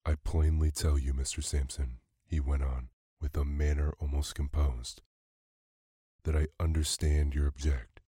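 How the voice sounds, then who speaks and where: Voiced by a man, a polished gentleman villain speaks with cool, measured composure. The voice is very low and husky. It is recorded dry and close. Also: little pitch movement, no room sound, exaggerated voice. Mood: threatening. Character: smooth, scheming gentleman villain.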